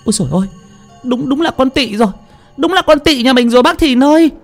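Cast: man voicing an old woman, shrill, tearful, high. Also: lively intonation, quick pace, faint music behind. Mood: tearful relief.

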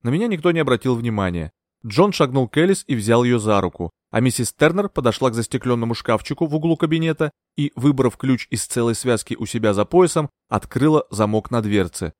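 A man narrating an audiobook in an expressive storytelling manner. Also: medium pitch, brisk, no room sound, clean studio sound. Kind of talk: scripted narration.

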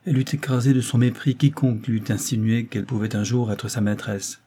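A man reading a literary novel aloud as an audiobook narrator, in a measured, even storytelling manner. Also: medium pitch, breathy edge. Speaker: audiobook reader.

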